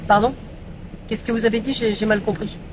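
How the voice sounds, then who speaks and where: A woman's voice: fairly high pitch, fairly even intonation, brisk. A woman acting a comedy sketch, speaking in a hesitant, awkward way. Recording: noisy background.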